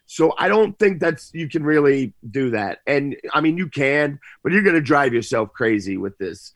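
A man's voice: a little high, sing-song, moderate pace, a bit bright, no echo. Man thinking aloud in dry-room sports chat. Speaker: sports podcast commentator. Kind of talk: casual sports analysis.

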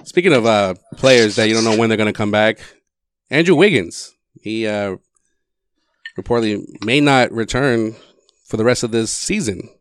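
A man hosting a casual sports talk show in an informal, halting way, often trailing off. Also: lowish voice, smooth, dry recording. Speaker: sports podcast host.

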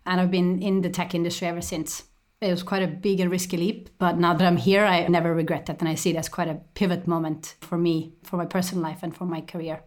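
A woman in her thirties, raised in Estonia, answers interview questions in a steady, articulate manner, pausing on small ums and repeated words. Her voice sits a little on the low side. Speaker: guest, company executive. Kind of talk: conversational interview.

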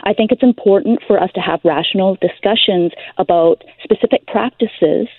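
A Canadian woman, a politician, speaking in a measured, earnest way as a guest on a radio talk show over the phone. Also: medium pitch, no room sound. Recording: tinny phone line.

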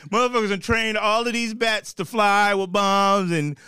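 A man's voice: high voice, steady tone, moderate pace, pushed and bright, smooth, dry recording. A man co-hosting a comedy podcast, telling a story loosely with profanity and laughter.

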